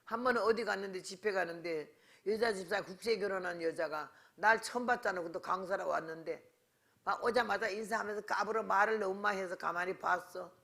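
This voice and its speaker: An older woman delivers a revival sermon in a church. Her voice is gravelly and forceful, with a bright, tense edge. She speaks bluntly and scolds as she tells her stories, playing out each side of the conversations herself. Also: medium pitch, a little fast. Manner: blunt, scolding storyteller who acts out both sides of conversations. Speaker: guest revival preacher, missionary. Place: church sanctuary.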